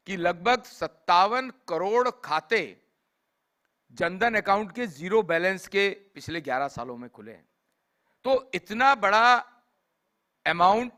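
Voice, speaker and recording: A man with a hoarse, sore throat giving a formal speech at a business summit, measured and explanatory, sometimes coughing and slipping into English phrases. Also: high-pitched, pushed and bright. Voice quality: coughs now and then.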